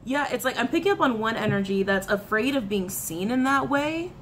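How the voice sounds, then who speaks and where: In a fairly high voice, fairly quick, this woman in her thirties does a casual tarot reading to camera in a small room, with a little hiss or hum. Chatty and animated, she gestures constantly, laughs a lot and repeats phrases, framed head and shoulders from the front.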